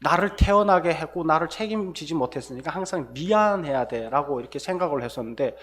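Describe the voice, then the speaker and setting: A man's voice: a little high, expressive, fairly quick, fairly bright tone. A young man with a North Korean Hamgyong accent, telling his personal story as a guest speaker in a church service, earnest and full of fillers and self-corrections.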